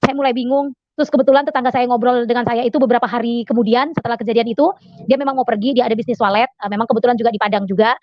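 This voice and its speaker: A woman's voice: fairly high pitch, steady tone, rapid-fire, dry recording, highs cut off. A woman giving a personal testimony in an earnest storytelling manner, full of "eh" fillers and addressing the audience directly. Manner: addresses listeners as Bapak Ibu Saudara. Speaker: testimony speaker.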